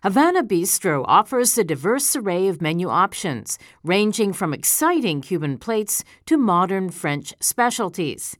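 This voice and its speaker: A woman's voice: medium pitch, very animated, a little slow, few pauses, dry recording, clean studio sound. A woman reading a scripted advertisement in an upbeat, inviting way. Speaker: advertisement reader in a test recording.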